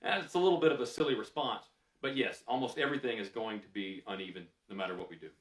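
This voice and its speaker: A man taking questions after a lecture, speaking in a candid, conversational way and pausing on fillers as he works through his thoughts. His voice sits at an ordinary pitch. It sounds roomy and a little distant from the mic. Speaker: scientist answering audience questions.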